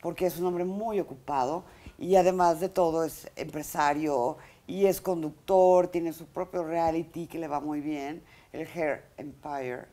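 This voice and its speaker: A woman's voice: deep voice, steady tone, unhurried, mellow. A middle-aged woman hosting an interview show in a small studio, welcoming viewers and guiding the conversation with questions. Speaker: talk show host. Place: small indoor studio set, seated in armchair.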